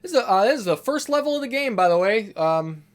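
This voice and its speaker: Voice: medium pitch, lively intonation, quick pace, heavy background noise. A person giving a casual, sweary, sarcastic video essay commentary on a video game. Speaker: video creator reviewing a game.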